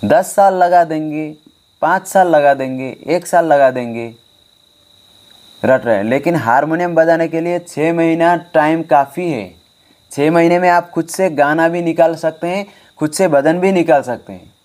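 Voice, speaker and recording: A man's voice: fairly high pitch, normal speed, darkish tone. A man teaching harmonium online, speaking straight to his students and repeating key points for emphasis. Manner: repetitive, emphatic, addresses students directly. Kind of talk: online music lesson. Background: faint harmonium.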